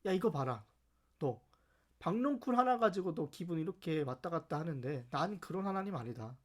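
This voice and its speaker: A man's voice: fairly high pitch, lively intonation, normal speed. A man voicing God as a stern but patient father who scolds firmly. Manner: firm, scolding.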